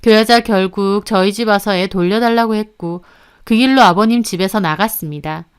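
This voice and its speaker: A woman narrating a first-person family drama story in a steady, scripted reading voice. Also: mid-range voice, smooth.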